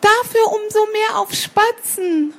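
A woman's voice: very high voice, takes it slowly, a bit bright, voice pushed up, heavily acted. A woman doing a tiny, timid sparrow child. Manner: polite and timid. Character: small polite fearful sparrow child.

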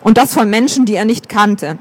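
A man narrating a story aloud with a notably high voice. His delivery is even and steady, the calm pace of a scripted audiobook reading. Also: normal speed.

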